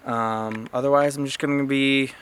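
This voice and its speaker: A man's voice: medium pitch, fairly even intonation, moderate pace, a bit bright, a little hiss or hum. A young man talking through a casual outdoor vlog, chatty and easygoing, with plenty of fillers. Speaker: vlogger. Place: outdoors at a campground and lighthouse.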